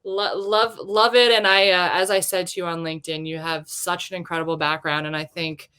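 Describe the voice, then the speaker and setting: A woman's voice: on the low side, flat delivery, fairly quick, bright, forceful tone, smooth. A woman hosting an interview show, upbeat and full of praise for her guest, talking over a video call. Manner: enthusiastic, effusive with praise. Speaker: host.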